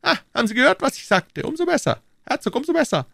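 A man voicing an excitable young king in a high, fussy, scolding voice, reading a story aloud. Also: gravelly, dry recording, studio quality, exaggerated voice. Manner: shrill, fussy, quick to scold. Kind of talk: audiobook character voice.

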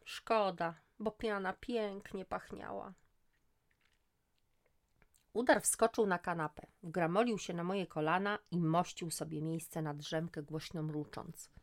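A middle-aged woman reading a first-person story aloud, lifting her voice for the dialogue. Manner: voices dialogue with lively rises in pitch. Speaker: audiobook narrator. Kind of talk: first-person audiobook narration.

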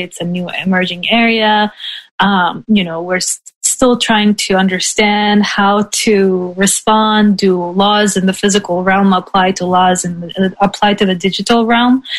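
Woman academic guest, mid-pitched, chatty and explanatory, laughs lightly often. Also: rough recording. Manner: explanatory, frequent soft laughs and "right?" tags. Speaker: professor, guest. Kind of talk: conversational interview.

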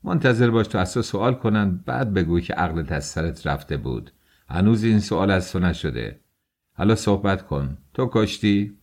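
Man doing an irritable, shrewd middle-aged magistrate in an audiobook, sharp and startled questioning. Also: on the low side, sing-song.

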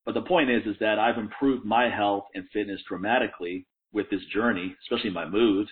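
A man in his forties talks fast and with conviction on a casual podcast, his voice sitting a bit low. He sounds sure of himself and drops the odd swear word. The audio is thin and narrow, like a phone line. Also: steady tone. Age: 40s. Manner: emphatic, self-assured, swears. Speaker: podcast co-host, fitness coach.

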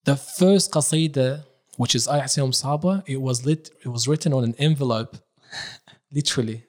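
A young man born in Iraq, a religious reciter, telling his life story in a relaxed, casual podcast chat, dropping Arabic phrases as he talks. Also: medium pitch, moderate pace. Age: young adult.

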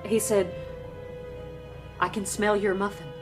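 An earnest young female FBI agent, played by a woman, speaking in a stiff, businesslike way. Her voice sits at an ordinary pitch, with soft film music faintly underneath. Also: level tone, takes it slowly, close to an everyday voice. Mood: formal. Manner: stiff, formal, businesslike delivery. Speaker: film character in a clip.

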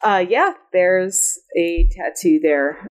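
A woman narrating as game master of a tabletop game, laughing often and pausing on fillers. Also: fairly low pitch. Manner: laughing, halting, with many fillers.

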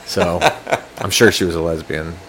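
A young man with a low but bright voice tells crude, joking stories in loose bar chat. Faint air-conditioner noise hums behind him. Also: steady tone, moderate pace. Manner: crude, joking anecdotes with laughs. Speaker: guest. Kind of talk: casual chat over drinks.

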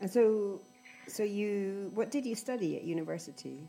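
A woman's voice: mid-range voice, lively intonation, normal speed, dark tone, slight background noise. A woman hosting a conversational podcast interview, talking like an English tutor.

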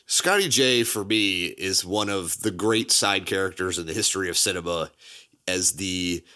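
A man co-hosting a casual movie podcast, laughing often and bursting into animated asides. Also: low-pitched, normal speed. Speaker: podcast co-host.

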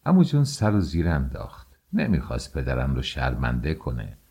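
A man narrating an audiobook in an extremely deep, husky voice. He tells the story at an even, steady pace.

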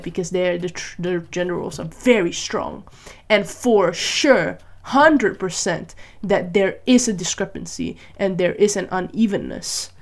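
A Malaysian vlogger with a fairly low voice muses through her views in a relaxed solo monologue. She thinks aloud, poses questions to herself, and keeps tossing in "right?" and "you know?"

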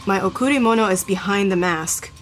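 A woman's voice: medium pitch, brisk, soft background music, close to an everyday voice. A woman playing a confident, cool secret agent in an action audio drama. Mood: cool, threatening.

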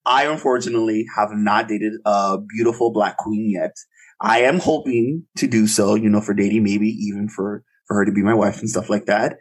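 A young man on a podcast with a somewhat low voice. He rambles through his thoughts in a casual chat, hesitating and restarting often. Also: fairly even intonation, normal speed, breathy edge. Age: young adult. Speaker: podcast co-host.

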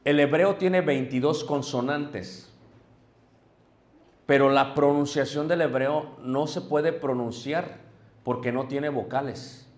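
A man's voice: mid-range voice, slow, darkish tone. Echoey male preacher teaching a congregation. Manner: addresses listeners directly, checks in with "ok?". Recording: echoey room.

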